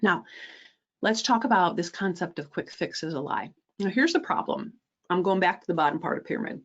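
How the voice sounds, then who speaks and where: A woman's voice: fairly low pitch, animated, a little fast, fairly bright tone, highs cut off. A woman presenting a fundraising webinar, direct and emphatic, often checking in with a rhetorical "right?" and adding sarcastic asides.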